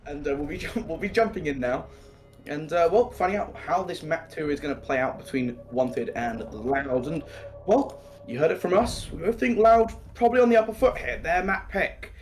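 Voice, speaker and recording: A man's voice: a little high, normal speed, faint music behind. A man casting a live esports match, chatty and prone to tangents. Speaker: esports caster.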